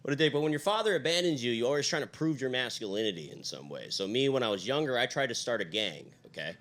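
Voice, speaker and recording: A young man doing a deadpan stand-up set on a stage mic, padding his lines with fillers and "all right?". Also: medium pitch, fast talker. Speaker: stand-up comedian.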